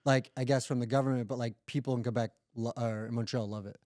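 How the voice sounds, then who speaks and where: A man with a mellow, warm voice chats casually as a podcast co-host, loose and playful, with "like" in nearly every sentence. The sound is close and dry. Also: mid-range voice, fairly even intonation, a little fast, no room sound. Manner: loose and playful, heavy use of "like". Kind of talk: casual chat.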